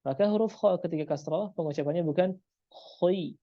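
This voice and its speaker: A man teaching pronunciation, repeating each sound slowly to demonstrate it, in a muffled lo-fi recording. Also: on the high side, no echo. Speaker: Quran recitation teacher. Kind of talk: pronunciation lesson.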